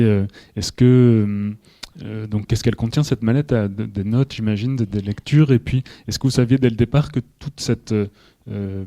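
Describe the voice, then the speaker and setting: Male interviewer, deep warm mellow voice, halting questions, dry close sound. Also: dry recording. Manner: slow, halting questions with fillers. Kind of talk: bookshop talk, asking questions.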